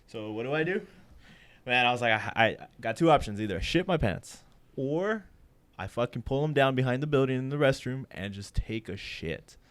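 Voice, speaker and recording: Young male co-host, crude and animated, with a smooth, clear voice that is middle-pitched; loose, profane storytelling with laughter. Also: moderate pace. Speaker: podcast co-host. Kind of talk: casual storytelling chat.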